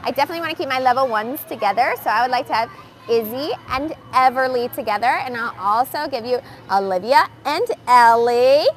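High-voiced upbeat woman gymnastics coach. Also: a little fast. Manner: upbeat, switches between calm explaining and loud calls to the kids. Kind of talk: live coaching demo addressing kids and viewers. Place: indoor gymnastics gym. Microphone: wearing the microphone.

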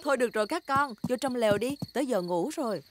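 A woman's voice: a little high, lively intonation, fast talker, very noisy, close to an everyday voice. A woman voicing a kindly, patient mother pig in a dubbed preschool cartoon, motherly and reassuring. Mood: gentle. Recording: loud background noises and effects.

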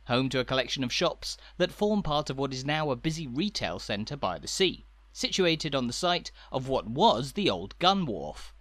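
A man narrating a walking tour in a measured, informative way. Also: a little high, a bit bright, dry recording. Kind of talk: scripted narration.

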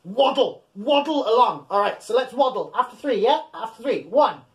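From a small indoor room at home, a children's storytime host in his thirties leads an interactive picture-book reading, playful and exaggerated. He addresses the young listeners directly and cheers them on, physically acting along with animation. His very high-pitched voice keeps a moderate pace.

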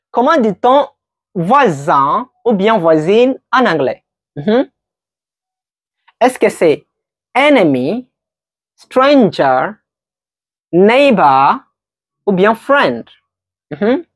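A woman giving a slow vocabulary quiz lesson as an English teacher, patiently repeating each word for learners. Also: medium pitch, no echo, studio quality.

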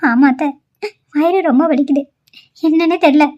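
A woman's voice: high voice, normal speed, lo-fi sound, natural voice. A woman voicing a frightened young newlywed wife in a cartoon, pleading and apologetic as she cries. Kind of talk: cartoon voice acting.

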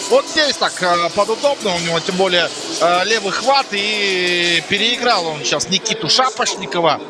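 A man giving live ice hockey commentary in a conversational way, pausing to find words. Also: high voice, animated, music in the background.

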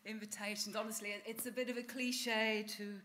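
Woman professor giving a measured lecture. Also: fairly high pitch, level tone, pushed and bright, slight background noise. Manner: measured and formal. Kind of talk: academic lecture. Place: lecture hall stage.

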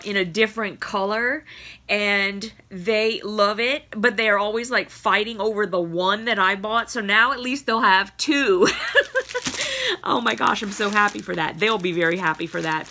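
A woman's voice: mid-range voice, sharp tone. A woman vlogging at home as she opens a craft swap package, gushing and emotional, close to tears, with many laughs and exclamations. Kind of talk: casual chat to camera. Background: crinkling packaging and bubble wrap.

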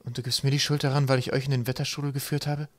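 A man voicing an earnest young male sky-pirate captain, speaking eagerly and a little higher than his narration. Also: level tone, rapid-fire, dry recording, lightly acted.

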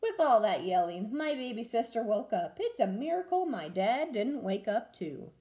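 A first-grade teacher in her twenties reads a picture book aloud to children at home, telling the story expressively from a small room by a window. Her voice is a little high and her pace normal.

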